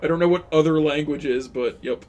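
A man's voice: a little high, fairly quick, a little mellow, slight background noise. A man co-hosting a game stream, teasing and sarcastically directing his partner. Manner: teasing, sarcastic backseat gamer. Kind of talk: casual let's play chat.

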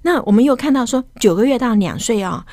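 A woman's voice: on the high side, expressive, quick pace, a little mellow, no echo. An older woman with a Taiwanese Mandarin accent, a professor guest on a radio interview, explaining science and dropping English terms into her talk.

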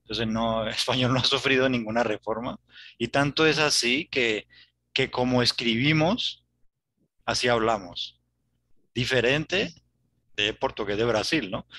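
A man's voice: medium pitch, sharp tone, no room sound. A man with a Latin American Spanish accent teaching a Spanish class over a video call, explaining and often checking with "¿no?". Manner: tags sentences with "¿no?". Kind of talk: online class conversation.

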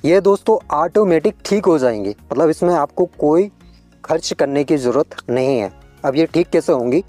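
A man gives a farming tutorial, explaining patiently and calling his listeners friends. His voice sits a little high but sounds dark and mellow. The recording is dry and close, with faint background music. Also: dry recording. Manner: explanatory, repeatedly addressing farmers as friends. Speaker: farming advice channel host.

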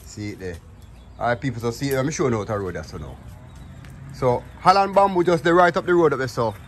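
A Jamaican man hosts a relaxed farm visit, talking in lively patois at an average pitch. He is recorded outdoors, and faint ambience sits behind his voice. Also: fast talker, a little hiss or hum. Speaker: vlog host. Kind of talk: casual on-location chat. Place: outdoors at a rural farmyard.

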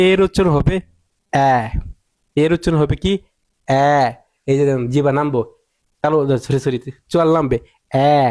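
Male English tutor, higher-pitched, drills with rhetorical questions, dry close mic. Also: darkish tone, no echo. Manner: emphatic, repeats points and asks rhetorical questions. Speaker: English teacher. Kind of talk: spoken English lesson.

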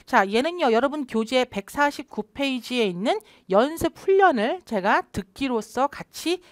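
A woman's voice: high-pitched, moderate pace, no room sound, clean studio sound. A woman teaching an English test-prep lesson online, explaining phrases and drilling them aloud. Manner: explains and drills phrases, lively rising and falling delivery. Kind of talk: online lecture.

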